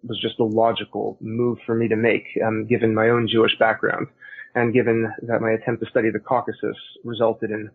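Male interview guest, Canadian accent, slightly rough voice, talkative, heard over a tinny phone connection. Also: on the low side, monotone, brisk. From Montreal, Canada. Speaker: guest, historian and author. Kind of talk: conversational interview answers. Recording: tinny narrow phone-like line.

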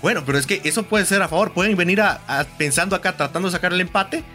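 Bright-voiced, upbeat Guatemalan man. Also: high-pitched, quick pace, faint music behind. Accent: Guatemalan Spanish. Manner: enthusiastic, laughs often. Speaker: podcast co-host. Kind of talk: casual football chat.

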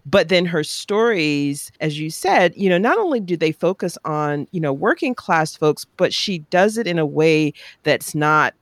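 A woman co-hosting a podcast, responding to her guest in a thoughtful, measured way. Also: sits low, animated, no room sound, clean studio sound. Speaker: podcast co-host. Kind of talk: casual interview talk.

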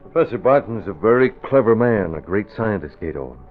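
An actor playing a composed, authoritative newspaper publisher in an old-time radio drama, measured and decisive. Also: male voice, on the low side, expressive, faint music behind, lightly acted. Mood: serious. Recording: thin phone-like vintage radio recording.

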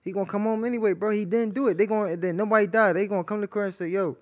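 A man's voice: high-pitched, fairly even intonation, very fast. A man telling stories as an interview guest in loose, casual street slang with a conversational bro manner.

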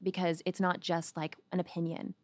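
A woman's voice: fairly low pitch, level tone, moderate pace, no room sound. A woman chatting casually on a podcast, using lots of fillers and laughing easily.

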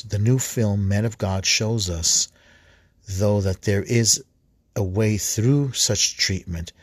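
Husky low-voiced priest reading aloud. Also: male voice, no room sound. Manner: halting, restarts words and corrects himself. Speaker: priest and podcast host. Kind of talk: reading an article aloud with commentary.

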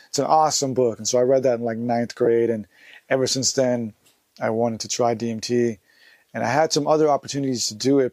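A man's voice: mid-range voice, darkish tone, no echo. Laid-back young man rambling. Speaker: vlogger. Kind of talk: casual storytelling monologue.

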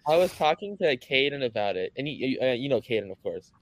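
A man's voice: medium pitch, very animated, brisk, no echo, low-quality recording. A man in casual group chat, eager and stumbling over his words. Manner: eager, stumbling, repeats himself.

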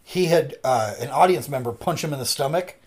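A man's voice: medium pitch, a little fast. A man hosting a podcast, talking casually with a rambling, filler-filled delivery. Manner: rambling, filler-heavy, animated. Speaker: podcast host. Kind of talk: casual chat.

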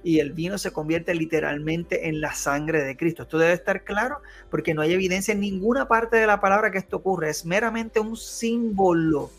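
High-voiced man teaching Bible casually. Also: brisk, few pauses. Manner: keeps adding tag questions, frequent hesitations.

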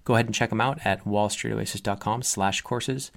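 A man's voice: lowish voice, steady tone, a little fast, vocal fry. A man, founder of the show, reading an upbeat promotional message. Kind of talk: promotional ad read.

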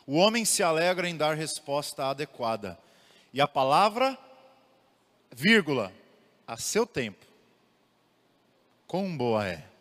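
A young Brazilian man teaching the Bible in a lively way, asking his listeners rhetorical questions. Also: on the high side, unhurried, pauses often. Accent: Brazilian Portuguese. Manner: animated, asks the audience rhetorical questions. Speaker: theology teacher. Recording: long reverb of a large room.

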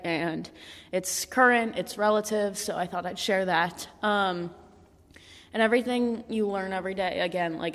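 An eighteen-year-old woman hosting her podcast, telling a casual story in a rambling way full of restarts and fillers. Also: medium pitch. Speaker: podcast host. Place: echoey room. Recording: echoey room with long reverb.

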